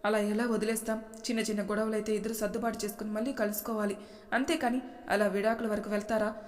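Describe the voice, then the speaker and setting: A woman's voice: mid-range voice, level tone, quick pace, in a large hall, close to an everyday voice. A woman voicing a worried middle-aged mother who anxiously questions and pleads with her son. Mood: pleading.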